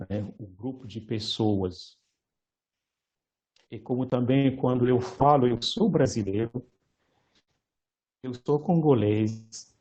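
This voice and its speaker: A male priest giving a lecture-style sermon, slow and measured, pausing often and correcting himself mid-word. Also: medium pitch, dark tone.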